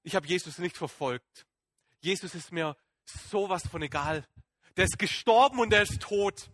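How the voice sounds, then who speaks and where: A man playing the Apostle Paul in a dramatic first-person sermon, emotional and halting, moving between excited outbursts and hushed awe. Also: sits high, no echo, studio quality. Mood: awed, fervent. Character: Apostle Paul as a man, shaken and fervent, recounting his conversion.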